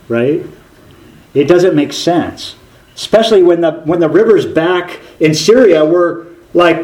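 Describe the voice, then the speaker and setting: A man preaching a sermon, telling a story in an animated way and often restarting his sentences. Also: a little high, low-quality recording.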